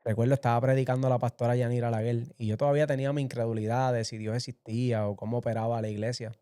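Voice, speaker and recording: A man tells his story in an emotional, vivid way. His voice is dark and mellow yet smooth and clear, and he acts out the people he quotes. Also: mid-range voice, level tone, quick pace. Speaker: interview guest sharing testimony. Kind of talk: emotional personal testimony.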